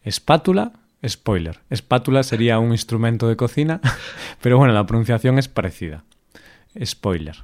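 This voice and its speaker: Relaxed man musing on words. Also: mid-range voice, moderate pace. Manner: relaxed, thinks aloud with fillers. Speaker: podcast co-host. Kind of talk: casual chat about Spanish loanwords.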